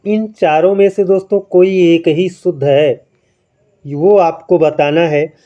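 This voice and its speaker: Male online teacher, slightly high and mellow, dull lo-fi audio, walks viewers through spelling answers. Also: steady tone, slow. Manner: explains step by step, often asks and answers his own questions; keeps addressing viewers as friends, adds "है ना". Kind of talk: online quiz lesson.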